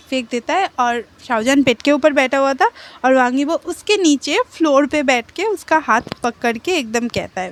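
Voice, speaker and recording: A woman's voice: high-pitched, a little hiss or hum. A woman casually retelling a story in a chatty way, often repeating the same fillers.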